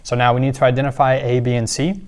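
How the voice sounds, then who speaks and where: A man with a mid-range voice teaches a math lesson at a fast pace, steadily working through examples step by step with the occasional filler.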